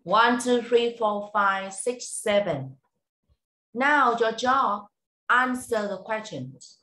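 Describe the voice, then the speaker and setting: A woman teaching English over a video call, giving a speaking test and prompting slowly and clearly with encouragement. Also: on the high side, pushed and bright. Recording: roomy echo.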